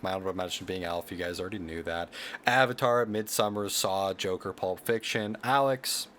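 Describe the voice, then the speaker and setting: A young man with a low, deep voice co-hosts a movie podcast, blunt and stammering as he chats. A faint hiss of noise sits under him. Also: fairly bright tone. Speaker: podcast co-host. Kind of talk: casual chat.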